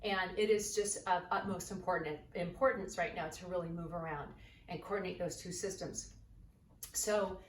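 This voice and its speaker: A woman's voice: lowish voice, moderate pace, a little hiss or hum. Breathless woman teaching while bouncing. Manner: energetic, coaxing, repeats instructions. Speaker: yoga instructor. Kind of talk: guided exercise lesson. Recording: roomy, distant camera mic, faint ambience.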